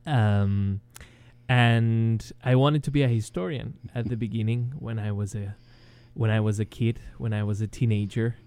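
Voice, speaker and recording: A man's voice: fairly low pitch, steady tone, normal speed, clean tone, no echo. A man from Chile with a Chilean Spanish accent, a guest speaking English as a second language in an interview over a video call, with many ums and restarts. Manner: hesitant, many ums and restarts, chuckles softly. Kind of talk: interview, casual chat.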